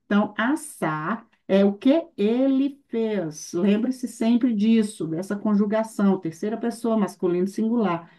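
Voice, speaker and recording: Mellow-voiced woman teaching with rhetorical questions. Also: medium pitch, measured pace, few pauses. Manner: lively, emphatic teaching with frequent rhetorical questions. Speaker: Hebrew teacher. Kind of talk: online grammar lesson.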